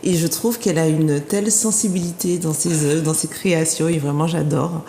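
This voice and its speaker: A woman's voice: low voice, steady tone, normal speed. A woman hosting an interview, chatty and playful, repeating herself as she talks. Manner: warm, chatty, playful teasing with repeated words. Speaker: talk show host. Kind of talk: casual interview. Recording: echoey room with faint background noise.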